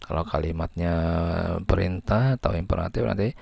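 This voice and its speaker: A man's voice: sits low, a little fast, creaky, darkish tone, slightly rough, no echo. A man giving a lecture, explaining step by step and reading out example sentences. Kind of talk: lecture on syntax.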